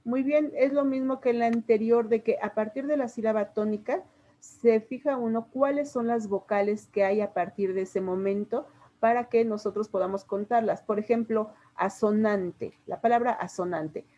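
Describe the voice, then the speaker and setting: A woman's voice: fairly high pitch, steady tone, normal speed, mellow, muffled recording. A woman with a Mexican Spanish accent, a literature teacher patiently explaining poetry to a class step by step with examples. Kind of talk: classroom lesson.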